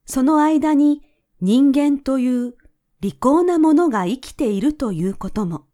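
A woman narrating a children's story in a gentle, measured way. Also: sits high, lively intonation.

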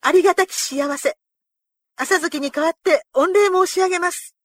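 A woman's voice: very high-pitched, moderate pace, dry recording, clean studio sound, pitched above the performer's own voice. A woman voicing an earnest young male samurai who speaks eagerly and respectfully, in a storybook reading. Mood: grateful.

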